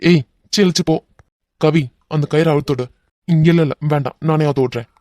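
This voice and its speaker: A man's voice: a little high, a little fast, mellow, no room sound, clean studio sound, lightly acted. A man voicing a hot-tempered young man who mocks and threatens a crook, with a Kanyakumari Tamil accent, in a cartoon. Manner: threatening, mocking.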